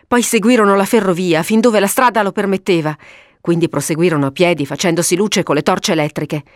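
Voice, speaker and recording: A woman narrating a detective story in an animated reading style. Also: lowish voice, a little fast, no echo, clean studio sound.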